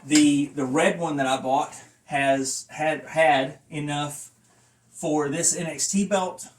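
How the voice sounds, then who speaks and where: Taking it slowly, a man with a slightly high voice and fairly even intonation chats his way through a rambling hobby review. He's folksy, pokes fun at himself and swears casually, and the noisy phone recording catches him from a distance.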